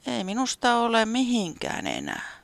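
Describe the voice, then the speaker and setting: A storyteller voicing a gloomy, self-doubting sheep painter in a children's storybook, soft and half-whispered. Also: medium pitch, wildly swooping pitch, vocal fry, no echo, pitched above the performer's own voice, exaggerated voice. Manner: mumbling and downcast. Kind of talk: storybook character voice.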